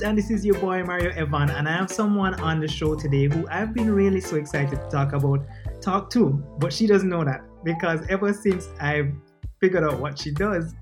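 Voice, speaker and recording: A man hosting a podcast interview, excitable and playful, teasing his guest. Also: on the high side. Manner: scripted intro, then chatty and quick to tease. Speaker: podcast host. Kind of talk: casual interview.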